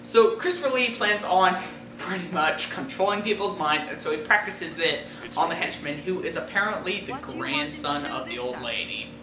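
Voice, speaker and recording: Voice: mid-range voice, lively intonation, normal speed, crowd noise. A movie reviewer chatting casually and hesitantly, with many ums and fillers. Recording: roomy distant mic with music.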